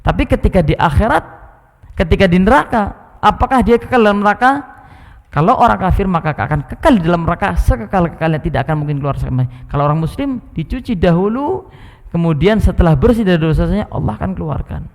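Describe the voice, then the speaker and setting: Preacher in a reverberant mosque hall. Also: male voice, sits high, lively intonation, quick pace. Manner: conversational, coaxing and teasing the congregation. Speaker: Islamic teacher giving a Quran commentary class. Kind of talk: mosque study-circle lecture.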